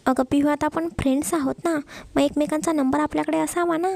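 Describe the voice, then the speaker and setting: A woman's voice: high-pitched, steady tone, quick pace, vocal fry, a little mellow, no room sound. A woman voicing an outspoken, talkative young college woman. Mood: chatty.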